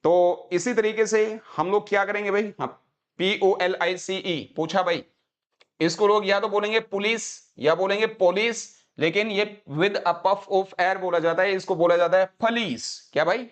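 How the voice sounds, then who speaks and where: Haryanvi male teacher, higher voice, live class, drills words call-and-response, Hindi-English mix. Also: steady tone, moderate pace. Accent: Haryanvi-accented Hindi and English. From Haryana, India. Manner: repeats words and quizzes students with call-and-response; mixes Hindi with English phrases.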